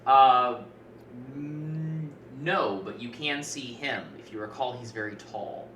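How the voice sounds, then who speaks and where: A man's voice: mid-range voice, slow pace, a bit bright. A man running a tabletop game as game master, narrating casually to the players. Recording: echoey room, faint noise.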